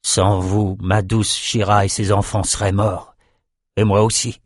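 A kindly, worn-out harbour master speaks in a tired, sighing way, voiced by a man reading a story. The low voice stays near the reader's own. The sound is dry and close. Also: flat delivery, a little slow, no echo. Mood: weary.

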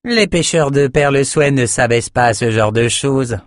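A man's voice: mid-range voice, moderate pace, no echo, studio quality, pitched above the performer's own voice, natural voice. A man voicing a cocky, arrogant young male pearl diver. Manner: arrogant, indignant.

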